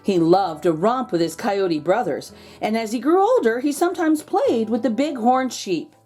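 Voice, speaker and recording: Female storybook narrator, expressive and animated, leaning on key words for young listeners. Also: a little high, normal speed, faint music behind. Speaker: children's book read-aloud host. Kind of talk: expressive storybook read-aloud.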